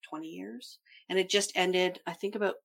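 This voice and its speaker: Lower-voiced woman explaining in casual chat. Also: steady tone, normal speed, vocal fry, a bit bright. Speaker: traveler recounting a trip.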